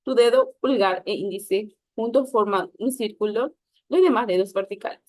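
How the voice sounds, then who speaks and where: A woman's voice: mid-range voice, moderate pace, darkish tone, no echo. Woman reading a speaking lesson, dry. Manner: instructive, reads aloud with small slips and restarts. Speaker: teacher.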